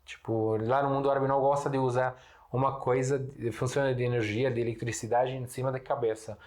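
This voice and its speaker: Guy teaching words, easygoing, keeps asking "right?", mid pitch. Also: flat delivery, darkish tone. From Syria. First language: Arabic. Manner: explains slowly, writes on a board, checks in with "né?". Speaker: Arabic teacher. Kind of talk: casual language lesson.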